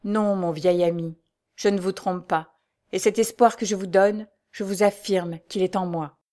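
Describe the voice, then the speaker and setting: A woman's voice: medium pitch, fairly even intonation, measured pace, dark tone, natural voice. Woman reading a grave old male doctor.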